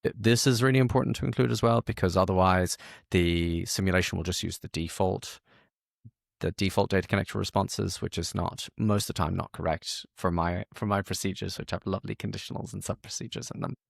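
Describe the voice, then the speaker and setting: A man who works as a podcast host and support consultant leads a casual interview and walkthrough, playful and self-deprecating, often repeating words. His low, gravelly voice is fairly even in intonation and a little fast. The studio sound is clean, with no room sound.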